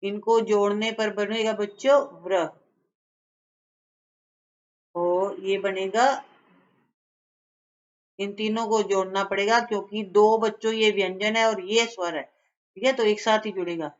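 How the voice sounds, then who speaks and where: A woman's voice: mid-range voice, fairly even intonation, moderate pace, dull audio. A woman teaching a children's lesson, patiently explaining each step.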